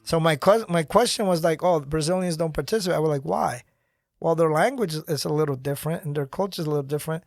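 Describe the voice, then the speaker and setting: A middle-aged man speaking as a guest in a podcast studio interview, talking with energy and animated conviction. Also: a little high, fast, gravelly, no echo. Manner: energetic, gestures while talking. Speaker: guest, nonprofit founder. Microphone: studio mic on boom arm.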